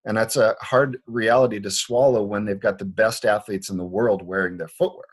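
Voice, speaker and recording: Interviewed conversationally at a Portland, Oregon clinic, a Liberian foot doctor earnestly explains his views, with frequent restarts. His voice sits on the low side and is breathy, with fairly even intonation and a moderate pace.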